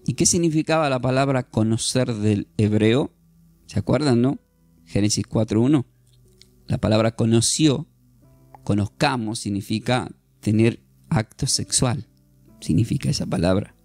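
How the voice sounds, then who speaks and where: Brief: male Bible teacher, lively and jokey, mid-range voice, dry sound. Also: mid-range voice, moderate pace, no echo, faint music behind. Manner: animated, jokey, acts out scenes, frequent restarts. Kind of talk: informal Bible class.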